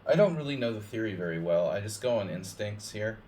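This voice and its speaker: A man with a fairly low, darkish voice talks briskly and with lively intonation while streaming chess games against his viewers. His chat is casual and rambling, full of "like," restarts, and joking asides.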